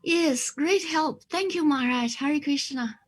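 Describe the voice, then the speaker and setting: High-voiced woman from China, hesitant. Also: unhurried, faint music behind. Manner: hesitant, polite. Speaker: student asking a question. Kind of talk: class Q&A.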